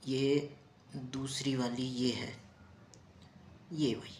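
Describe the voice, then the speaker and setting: A man's voice: mid-range voice, little pitch movement, drawn-out words, a little mellow, slight background noise. A male teacher giving a grammar lesson, patiently repeating key terms and asking his students rhetorical questions. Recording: roomy echo.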